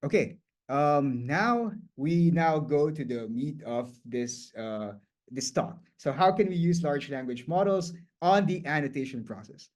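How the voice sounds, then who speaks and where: A man who grew up speaking Tagalog gives an explanatory guest lecture in a loose, conversational style, restarting phrases and filling pauses with "um" and "like." His voice is on the high side and darkish in tone, with lively intonation.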